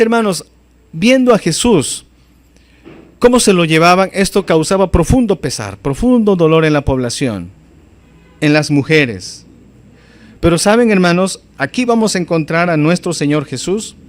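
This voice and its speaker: A man preaching a sermon as pastor, emphatic and often calling out to his listeners as brothers and sisters, his voice rising sharply on key phrases. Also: fairly high pitch.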